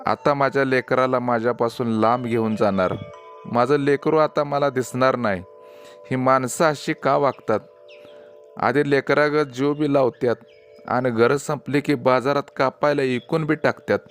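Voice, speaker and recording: A sorrowful mother goat pours out a plaintive inner lament, bitter at people who raise and then sell her kid, voiced by a man reading a storybook. The voice sits at an ordinary middle pitch. A faint music bed plays behind. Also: steady tone, normal speed, natural voice. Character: grieving mother goat, female, bitter at humans.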